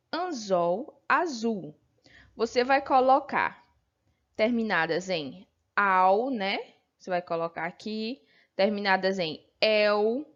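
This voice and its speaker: A Brazilian woman teacher with a patient manner, slowly explaining a textbook lesson and checking in with her pupils. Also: mid-range voice, dull audio. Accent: Brazilian Portuguese. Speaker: primary school teacher.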